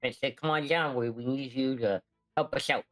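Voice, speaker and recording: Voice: medium pitch, normal speed, fairly bright tone, no room sound, soft background music. A flippant, playful player chatting casually and role-playing in a tabletop game.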